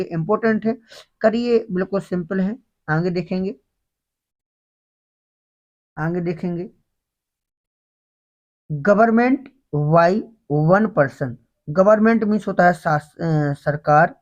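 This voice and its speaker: A man's voice: high voice, a little mellow, muffled recording. A man teaching English vocabulary for an exam in Hindi, asking students questions and then answering them himself. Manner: reads English slowly, then explains in Hindi. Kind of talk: exam-prep grammar lesson.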